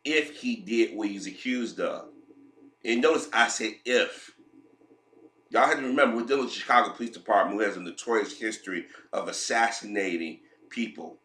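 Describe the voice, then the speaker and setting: A man getting over a head cold gives emphatic, opinionated commentary as a vlogger, often repeating and restarting himself. His lowish voice is brisk and fairly bright, in an echoey room.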